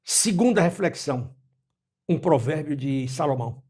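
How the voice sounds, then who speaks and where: A man in his eighties from Brazil, speaking as an interview guest in a measured, reflective way and quoting scripture and proverbs. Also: a little high, animated, a little mellow, slightly rough. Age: 80s. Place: his home.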